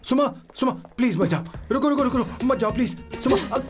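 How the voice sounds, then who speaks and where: Pleading young hero. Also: male voice, very high-pitched, expressive, fairly quick, music in the background. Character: young male hero, soft-hearted and stubborn. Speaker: hero of the film. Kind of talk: Hindi film dub.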